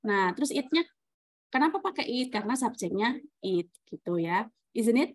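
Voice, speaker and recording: A woman's voice: fairly high pitch, expressive, moderate pace, no echo. A woman teaching an English grammar class over a video call, chatty, laughing often and answering her own questions. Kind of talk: online class explaining grammar.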